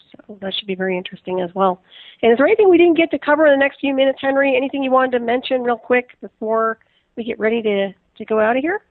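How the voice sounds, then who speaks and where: A woman hosting a radio talk show, briskly thanking her guest and wrapping up the hour with an encouraging manner. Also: fairly high pitch, no room sound. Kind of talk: radio show interview and sign-off. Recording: tinny phone line.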